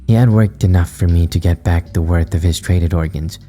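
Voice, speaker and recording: A man's voice: deep voice, moderate pace, dark tone, soft background music, natural voice. A man voicing a cruel, many-armed monster parent in a horror story reading, speaking in a cold, commanding way. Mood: grudging.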